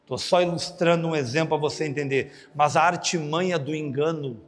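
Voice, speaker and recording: A male pastor preaching a lively sermon, joking and acting out the voices of people in his stories. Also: normal speed. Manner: animated, jokey, acts out other voices with big pitch jumps. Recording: long hall reverb.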